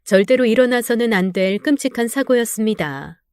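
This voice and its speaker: A woman's voice: fairly high pitch, lively intonation, a little fast, darkish tone, smooth, dry recording, studio quality. A woman narrating a real-life story in the first person, with an emotional, dramatic delivery.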